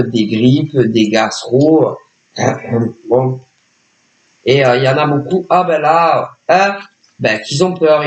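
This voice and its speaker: A man's voice: medium pitch, reverberant, poor audio. A man giving a casual spoken tarot reading as a psychic, hesitant and repetitive, full of filler words. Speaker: psychic reader.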